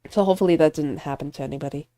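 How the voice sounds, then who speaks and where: A young woman reading a visual novel aloud and reacting in an excitable, giggly way. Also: low voice, racing, dry recording. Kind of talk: casual game reading reaction.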